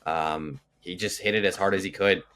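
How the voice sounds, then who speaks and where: A young man with a very low, deep voice co-hosts a football podcast. He rambles emphatically, piling up fillers and restarts in casual sports chat. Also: steady tone, moderate pace, a bit bright, slight background noise.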